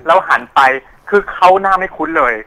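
A man's voice: sits high, a little fast, bright, forceful tone, low-quality recording. A young man calling in to a radio show, telling a story hesitantly and repeating words as he goes. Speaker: caller. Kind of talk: casual call-in chat.

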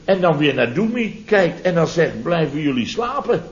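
A man acts the part of a self-important contractor in his fifties for a 1970s radio comedy, sounding exasperated as he boasts, repeats himself and exclaims indignantly. His voice sits on the high side with big pitch swings at a moderate pace, captured in dull vintage radio sound.

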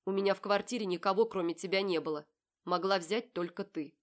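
A woman's voice: medium pitch, a little fast, lightly acted. A woman reading an audiobook, voicing a cold, self-assured young man who speaks in a curt, mocking way. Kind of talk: audiobook character voice.

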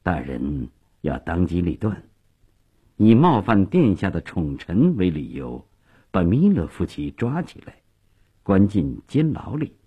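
A man voicing a sly male court secretary who plots in a low, partly whispered voice, in a radio story. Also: big pitch swings, measured pace, husky, phone-quality sound, full character voice. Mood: scheming.

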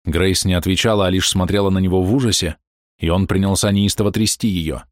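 A man reading a novel aloud in measured audiobook narration. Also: deep voice, steady tone, no echo, studio quality.

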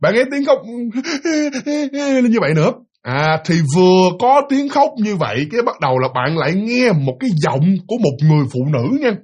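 A husky, fairly high-voiced man with a Southern Vietnamese accent tells a ghost story in an easy, chatty way. He speaks to the listener as "you" and imitates the noises in the tale. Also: big pitch swings, brisk, hardly any pauses, darkish tone. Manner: addresses listeners as "you", acts out sounds. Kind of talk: casual spoken ghost story.

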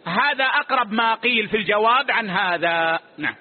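A man, a religious scholar, giving a lesson and answering questions in a measured, authoritative way, closing each answer with a short word. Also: sits high, lively intonation. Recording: tinny phone-like lo-fi recording.

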